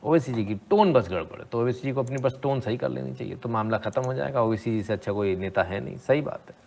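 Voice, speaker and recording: A man's voice: mid-range voice, fast, creaky, noisy background. A man commenting on debate clips in a sarcastic, rhetorical way, often asking the listener "hmm?". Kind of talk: opinionated video commentary.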